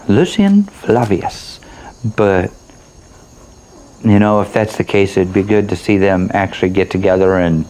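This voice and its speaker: A gaming video host and reviewer offers casual, chatty, rambling commentary while playing through a video game, in a fairly low, darkish voice. The audio is poor, with faint game noise and video game ambience in the background.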